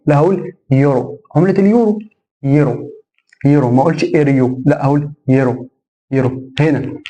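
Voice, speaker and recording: A man with an Egyptian Arabic accent teaching English pronunciation, explaining casually and repeating each word slowly several times. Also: on the high side, mellow, low-quality recording. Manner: conversational explaining, quizzing himself aloud. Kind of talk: phonetics lesson.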